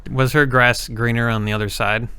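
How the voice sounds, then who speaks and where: A man co-hosting a comedy stream, firing off quick straight-faced quips. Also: medium pitch, level tone, pushed and bright, clean tone, no echo. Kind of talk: improvised comedy banter.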